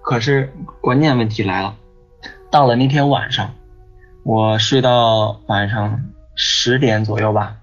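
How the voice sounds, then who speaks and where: With a lowish, steady and unhurried voice, a man guesting on a ghost-story podcast relates a lengthy personal story in a rambling way. He repeats words and frequently asks "你知道吗" ("you know?"); the recording is dull and lo-fi with faint background music.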